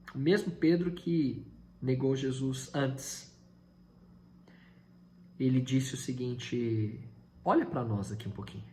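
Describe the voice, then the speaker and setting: A pastor preaching a Sunday sermon, retelling Bible dialogue with voices and building to loud, high peaks. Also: male voice.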